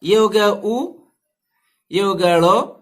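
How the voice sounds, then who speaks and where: A male teacher, slowly spelling out words and repeating each sound for his students. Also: sits high, lively intonation. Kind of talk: slow step-by-step language lesson.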